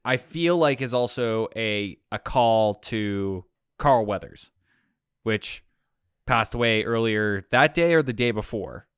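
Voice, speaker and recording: Podcast co-host, male, smooth clear voice, dry close sound, animated storyteller. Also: on the low side, slow pace, dry recording. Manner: animated storytelling with quoted asides. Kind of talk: casual chat.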